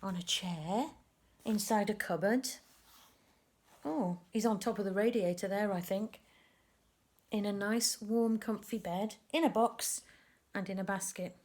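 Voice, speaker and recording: A woman of medium pitch reads a picture book to young listeners, giving the words expressive, careful emphasis. Now and then she chats about what's shown in the pictures.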